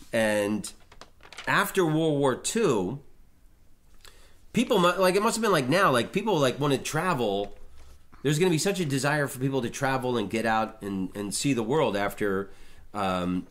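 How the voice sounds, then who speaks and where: A man's voice: mid-range voice, fairly bright tone. A middle-aged man hosting a podcast, chatting casually about art history with many restarts and fillers. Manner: rambling, frequent restarts and fillers. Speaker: podcast host.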